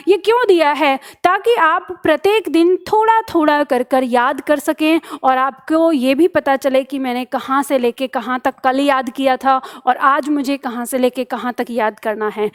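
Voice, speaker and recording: Teaching exam prep online, this young woman, a Hindi teacher, walks through the material step by step. Her voice sits high, and she turns every answer back into a question.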